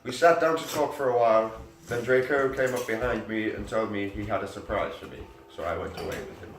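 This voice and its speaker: A man's voice: fairly low pitch, a little fast, a little hiss or hum. A man giving a mock-serious dramatic reading of amateur fiction, prone to giggling. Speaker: reader. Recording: echoey room, mic at a distance.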